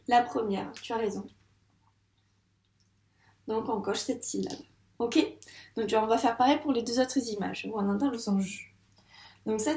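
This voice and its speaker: Her pitch is fairly high and her tone darkish as this first-grade teacher works through phonics with a small child. She speaks slowly and patiently, stretching every word syllable by syllable, in a recording with roomy echo.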